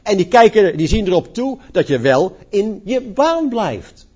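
A man's voice: sits high, big pitch swings, a little slow, a little mellow, breathy edge. A man preaching a sermon with an emphatic, rising and falling cadence, addressing the congregation. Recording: dull lo-fi church recording.

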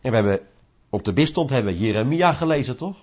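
A man preaching a sermon in a lively, conversational way, asking rhetorical questions and acting out little scenes. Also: medium pitch, fast talker, slightly rough. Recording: dull lo-fi recording.

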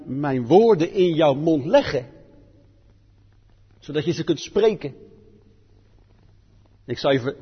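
A male preacher delivers a sermon with a husky, somewhat high voice. He swings between loud, emphatic declarations and hushed low passages. The recording is muffled and lo-fi, carried by a long church reverb. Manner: fervent, rising to emphatic declarations then dropping low and quiet.

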